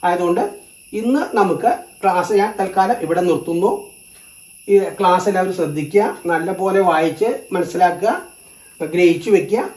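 A teacher giving a grammar lesson, slow and repetitive, stating each term in two languages. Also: medium pitch, a little mellow, echoey room, low-quality recording.

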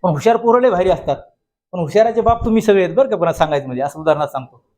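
A man speaking with a noticeably high-pitched voice. He addresses college students in a humorous motivational talk. He spins a folksy anecdote and acts out each quoted line. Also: very fast. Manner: folksy, lively anecdote-telling with acted-out quotes. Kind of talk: humorous motivational speech with storytelling.

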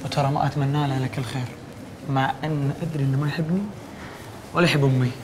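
An actor playing a calm, frank young man. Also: medium pitch, racing, echoey room, background noise, lightly acted. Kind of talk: TV drama acting.

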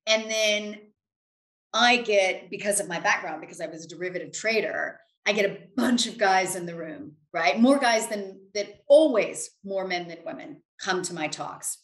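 A middle-aged American woman, a finance expert, appears as an interview guest on a video call from a room in her home, answering in an emphatic, self-assured, conversational way. Her voice sits in the mid range at a normal pace. The computer mic is at desk distance, and the call sounds roomy and echoing.

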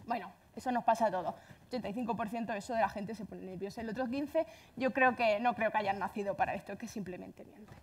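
Fast-talking Andalusian woman giving a talk. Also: medium pitch. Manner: fast, chatty, self-deprecating. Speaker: speaker at a tech conference. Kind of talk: conference talk.

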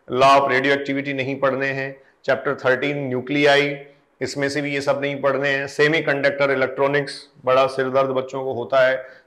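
A man's voice: medium pitch, fairly bright tone. A man, an exam coaching educator talking students through syllabus changes and reading out lists of deleted topics. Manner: addresses students directly, reads out topic lists.

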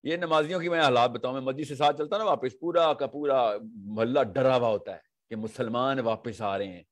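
A man's voice: medium pitch, fairly quick. A man giving a religious lecture to an audience, telling stories vividly and asking rhetorical questions. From Pakistan. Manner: rhetorical questions and animated storytelling. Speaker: religious speaker.

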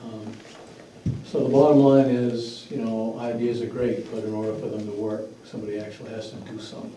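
Recorded by a distant mic in an echoey, mid-sized indoor meeting room, a man organizing a fundraiser speaks at a town meeting. His fairly low, dark-toned voice shows little pitch movement and moves fairly quickly, blunt and matter-of-fact. Slight background noise is audible.

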